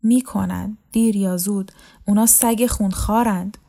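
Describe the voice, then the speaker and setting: A woman doing a calm, patient older woman. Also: mid-range voice, creaky, lightly acted. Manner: quiet, patient, measured.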